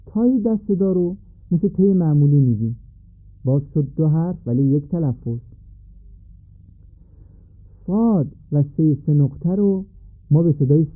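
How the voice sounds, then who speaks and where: A man teaching a recorded lesson, speaking in a measured way and putting questions to his listeners. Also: on the high side, slightly rough. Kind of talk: recorded lesson on letter pronunciation. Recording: phone-like narrow band recording.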